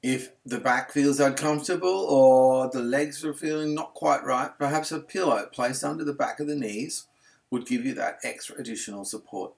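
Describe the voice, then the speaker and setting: A male yoga instructor with a medium-pitched voice and some vocal fry guides a relaxation session. He stays calm and unhurried, giving every instruction in a gentle, soothing way.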